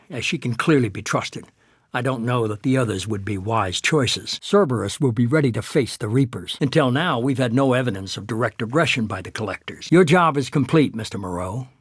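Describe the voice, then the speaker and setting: A husky middle-aged man who leads a shadowy organization in a sci-fi video game. He speaks with cool, measured authority at a medium pitch, persuasive and calculating. The sound is dry, with no room around it. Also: expressive, no room sound. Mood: cool, businesslike. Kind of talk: cinematic video game dialogue.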